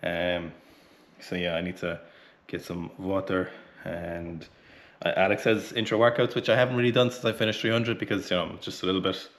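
Sweaty between sets in his small home gym, a man from Ireland in his thirties talks about weightlifting for a casual training vlog. His voice sits low with a fairly bright tone, and as a coach he's blunt, chatty, and swears freely, captured by a camera just in front.

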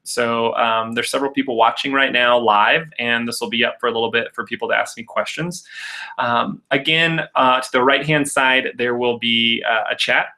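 Young adult man, bright forceful voice, chatty upbeat host, webcam video call, frequent filler uhs. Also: medium pitch. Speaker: public speaking coach hosting a Q&A. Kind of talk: casual live webinar talk and storytelling.

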